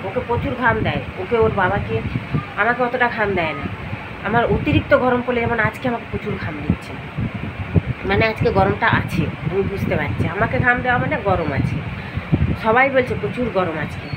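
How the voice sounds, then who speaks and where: A hoarse, unwell middle-aged woman, walking outside at night and chatting straight to her vlog viewers. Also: a little high, fairly quick. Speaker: vlogger. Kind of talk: casual daily vlog chat. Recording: loud street and traffic noise.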